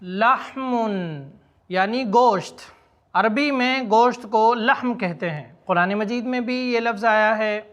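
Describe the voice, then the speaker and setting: High, bright-voiced male Arabic teacher. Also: lo-fi sound. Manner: says each Arabic word slowly and repeats it, then explains its meaning. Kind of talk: vocabulary lesson in Urdu.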